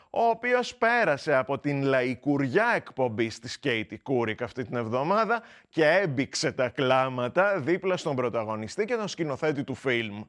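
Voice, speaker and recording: A man hosting a television film show, giving lively, opinionated film news commentary. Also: fairly high pitch.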